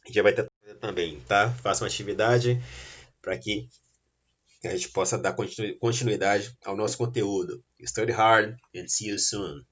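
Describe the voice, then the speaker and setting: Male Brazilian teacher, patient step-by-step explainer, lowish voice, muffled recording. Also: steady tone, moderate pace, a bit bright, husky. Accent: Brazilian Portuguese. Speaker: English teacher. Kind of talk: recorded grammar lesson.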